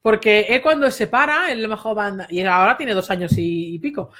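A woman, a dog trainer giving a casual spoken lesson, chatty, with many fillers and quick asides. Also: mid-range voice, a bit bright.

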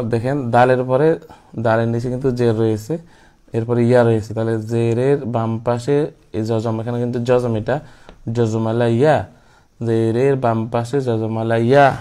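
Slow, mellow-voiced man teaching Quran recitation. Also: mid-range voice. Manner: explains rules, then chants words slowly for repetition; asks the listener questions and answers them himself. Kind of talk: recitation lesson.

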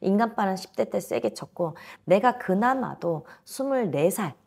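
Speaking into a lapel mic in a cramped indoor office, this woman in her thirties delivers a fortune-telling reading bluntly and emphatically, with an informal, condescending air. Her medium-pitched voice is husky, creaky, and slightly dark, with lively intonation and an unhurried pace.

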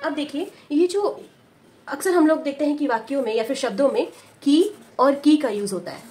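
A woman with a high voice teaches a Hindi lesson for parents of young children. She talks patiently and steadily, repeats key words slowly and keeps checking in with "okay" as she goes. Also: darkish tone. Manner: patient, repeats key words slowly, says "ठीक है" often, mixes English words. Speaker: preschool teacher.

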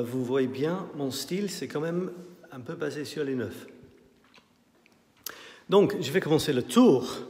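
A man's voice: mid-range voice, gravelly, a little mellow. Middle-aged male artist, English accent, hesitant tour-guide delivery; phone-held, reverberant gallery. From not French. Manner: hesitant, many fillers and restarts, thinking aloud. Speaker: artist giving a tour of his exhibition. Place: indoor art gallery. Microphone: handheld phone at arm's length, walking. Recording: roomy gallery with long echo.

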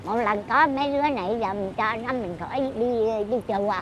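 A woman's voice: on the high side, brisk, highs cut off, a little hiss or hum. A woman in her eighties chatting casually outdoors, blunt and teasing as she scolds the person she talks with. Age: 80s. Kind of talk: casual chat.

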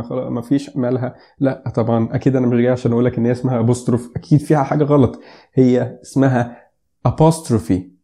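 A young Egyptian man hosts a casual pronunciation lesson, talking quickly between playful jokes. His voice is very dark and mellow, and he slows right down to repeat each word carefully. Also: mid-range voice. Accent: Egyptian Arabic. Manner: joking, playful asides; repeats words slowly to demonstrate. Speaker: English pronunciation teacher.

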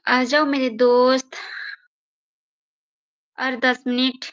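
A woman's voice: high-pitched, flat delivery, extremely slow, a bit bright, dry recording, dull audio. Coaxing woman live-streaming on a phone. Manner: coaxing, playful, pleading for viewer replies. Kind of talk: casual live-stream chat with viewers.

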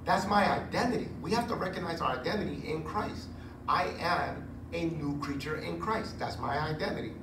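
A man in his forties preaching a sermon on a church stage into a handheld mic, chatty and animated with joking asides. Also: fairly high pitch, moderate pace, far from the mic. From Puerto Rico heritage. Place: church stage with curtain backdrop. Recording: echoey room, recorded from afar, noisy.

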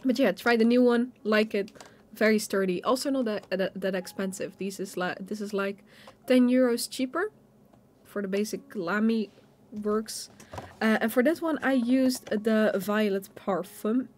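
A woman's voice: mid-range voice, unhurried, darkish tone. A young woman at a home desk, chatting casually about pens and a notebook with many fillers and restarts. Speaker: stationery vlogger. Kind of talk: casual show-and-tell narration. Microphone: overhead camera over a desk.

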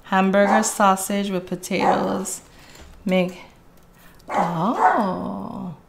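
A middle-aged woman with a gravelly, medium-pitched voice runs a live craft tutorial from her home, chatting with viewers she calls "guys" as she works. Her intonation is lively and her words are drawn out. The audio is very noisy.

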